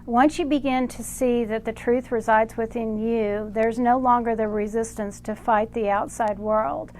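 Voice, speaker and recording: A woman channeling spiritual guidance, speaking in slow, measured sentences and referring to herself as "we". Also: fairly high pitch, fairly even intonation, darkish tone, a little hiss or hum.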